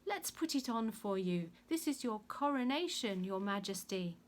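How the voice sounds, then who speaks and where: A woman's voice: mid-range voice, lively intonation, moderate pace, natural voice. A woman voicing a brutish, mocking Roman soldier in a dramatic Bible story reading. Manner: mocking, gloating.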